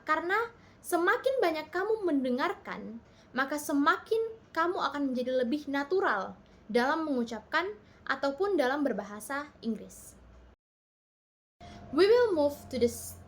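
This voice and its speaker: A woman with an Indonesian accent, teaching English in a step-by-step spoken lesson that switches between two languages. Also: high-pitched.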